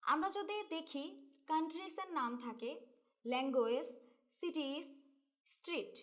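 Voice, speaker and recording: A woman's voice: high-pitched, lively intonation, unhurried. A woman teacher with a Bangladeshi Bengali accent gives a grammar lesson, patiently explaining step by step and asking her students questions. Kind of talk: classroom-style grammar lesson.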